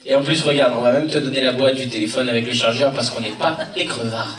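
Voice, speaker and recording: A comedian with a steady, mid-range voice presents a film at a premiere, speaking quickly, joking with the audience and teasing them directly. He sounds distant in a large, echoey cinema auditorium over a loud crowd.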